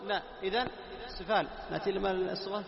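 Man, teacher, quizzes students, repeats terms, high voice, long hall reverb. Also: steady tone, vocal fry. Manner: quizzes students, repeats key terms, slows down to recite examples. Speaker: Quran recitation teacher. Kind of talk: classroom lesson on tajweed. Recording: echoey hall, dull lo-fi sound.

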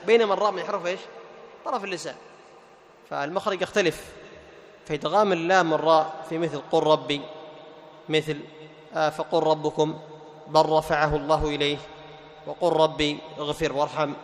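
A male Quran teacher explaining tajweed rules to a class. He asks questions, answers them himself, repeats the key terms and slows down to recite the verse examples. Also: on the high side, steady tone. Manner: recites verses slowly and melodically. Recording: long hall reverb.

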